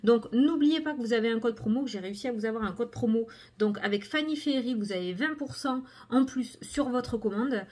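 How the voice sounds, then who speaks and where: A woman's voice: fairly high pitch, a little fast, few pauses, a little mellow. A middle-aged woman hosting a casual review video, chatting with lots of fillers while showing items to the camera. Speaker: cartomancy video host. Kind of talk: casual product review chat.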